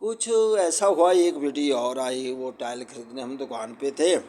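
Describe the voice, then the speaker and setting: An older man from Punjab tells a personal story in a slow, heartfelt, folksy way. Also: mid-range voice, darkish tone, slight background noise.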